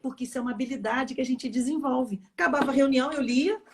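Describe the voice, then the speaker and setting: A woman's voice: high voice, fast talker, a little mellow, slight background noise. A woman, a former school teacher talking on a casual live chat, emphatic and full of stories.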